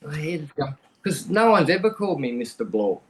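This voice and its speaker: His delivery is sing-song, fairly high in pitch and at normal speed. As a middle-aged Australian guest on a podcast, he recounts something personal frankly, speaking plainly and conversationally and often restarting sentences.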